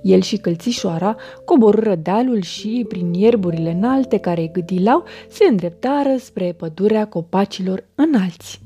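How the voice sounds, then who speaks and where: Brief: soothing bedtime storyteller, woman, mellow dark tone, soft music under. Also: medium pitch, lively intonation, hardly any pauses. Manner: gentle, soothing. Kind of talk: bedtime story reading for children.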